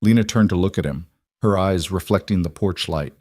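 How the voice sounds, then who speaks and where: A man narrating a romance story in a measured, even way. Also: sits low, dry recording, studio quality. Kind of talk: scripted narration.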